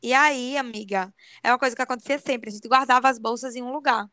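A woman's voice: a little high, fast talker, no echo. A young woman, chatting animatedly as a podcast co-host and telling a spooky story. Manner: animated, swears she is telling the truth. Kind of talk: casual podcast chat.

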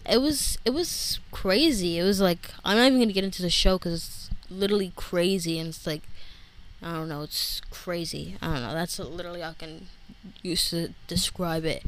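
A woman's voice: lowish voice, a bit bright, poor audio. A young woman hosting a solo podcast, breathless and rambling with lots of fillers and restarts. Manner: scattered, many fillers and restarts. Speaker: podcast host.

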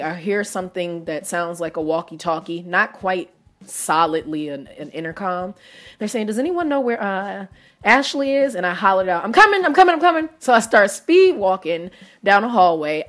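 A woman, hosting a solo podcast in a chatty, self-mocking way. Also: on the low side. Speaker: podcast host.

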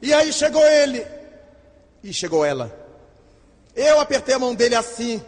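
A man giving a humorous storytelling lecture at a spiritist gathering, lively and self-mocking, acting out the dialogue. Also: very high-pitched, normal speed. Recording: long reverb in a hall.

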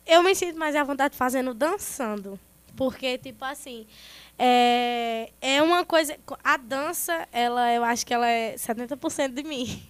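A high-pitched woman chats as a podcast guest. She talks loosely and informally, a little nervous, the way she would with friends. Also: moderate pace, smooth, dry recording. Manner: informal, chatty, self-described nervous. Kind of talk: casual interview chat.

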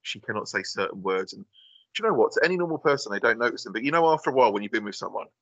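A man's voice: on the low side, expressive, rapid-fire, fairly bright tone, no room sound. A man co-hosting a podcast, ranting in exasperation and swearing often. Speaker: podcast co-host. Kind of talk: casual banter. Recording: dull dry lo-fi podcast audio.

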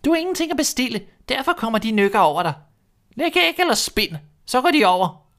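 A man voicing a bossy, self-important old hen in a storybook reading, scolding and lecturing in a shrill voice. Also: very animated, fairly bright tone, heavily acted.

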